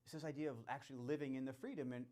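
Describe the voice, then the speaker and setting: A man's voice: medium pitch, steady tone, racing, mellow. An enthusiastic man hosts a charity celebration, welcoming viewers in a conversational way. He builds his faith talk on repeated phrases and keeps an easy, mid-range voice.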